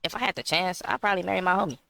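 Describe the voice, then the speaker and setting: A man's voice: sits high, very fast, vocal fry, sharp tone, no echo. A man delivering a mock-serious comedy monologue, insisting on absurd claims. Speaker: skit comedian.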